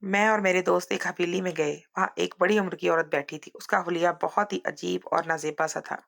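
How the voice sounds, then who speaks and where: A woman narrating a scripted first-person story at a slow, measured pace. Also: on the low side, fairly even intonation, vocal fry, a bit bright.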